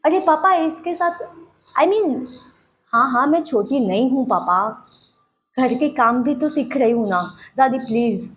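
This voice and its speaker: A woman's voice: high-pitched, expressive, a little slow. A woman playing a pleading little girl. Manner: pleading, childlike, with a lot of repeating. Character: young girl missing her mother, pleading with her father. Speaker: actress auditioning. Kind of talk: dramatic audition monologue.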